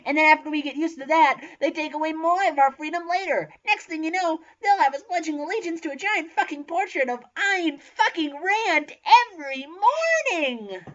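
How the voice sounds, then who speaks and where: A woman's voice: high voice, fairly bright tone. A woman doing a ranting, cursing schoolboy wizard. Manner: ranting, profane, indignant. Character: ranting angry teenage boy wizard. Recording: lo-fi, dull sound.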